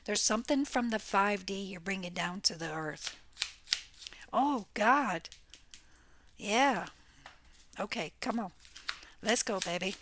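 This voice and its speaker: A woman's voice: medium pitch, expressive, slow pace, long pauses, noisy background. A woman doing a casual tarot reading for her viewers, blunt and exclaiming, with the odd curse. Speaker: tarot reader. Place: home room near a window.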